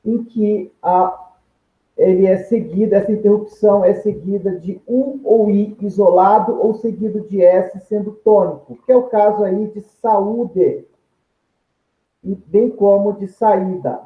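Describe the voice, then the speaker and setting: Male grammar teacher, high-pitched, explanatory, tinny phone-like sound in an echoey room. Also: steady tone, unhurried. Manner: explanatory, points at examples on screen; stretches out example words syllable by syllable. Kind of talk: video lesson explaining grammar.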